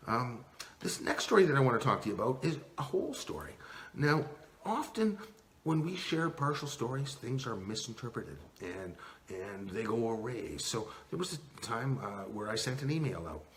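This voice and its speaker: A man's voice: medium pitch, sing-song, normal speed, a bit bright, slight background noise. A man teaching communication skills in a casual, earnest talk, with frequent restarts. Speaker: communication coach and mediator. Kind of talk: talking-head teaching video.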